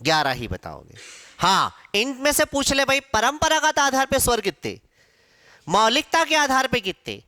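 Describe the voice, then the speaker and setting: Lively teacher drilling vowel sounds. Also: male voice, extremely high pitch, moderate pace. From India. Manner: drills pronunciation aloud, asks and answers his own questions. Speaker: Hindi teacher. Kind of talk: classroom lecture.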